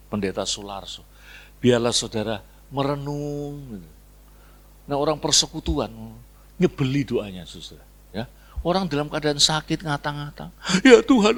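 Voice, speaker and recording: A middle-aged man preaching a sermon, swinging between hushed asides and loud emphatic lines. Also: lowish voice. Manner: acts out voices of congregants in mock tones. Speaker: pastor. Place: church.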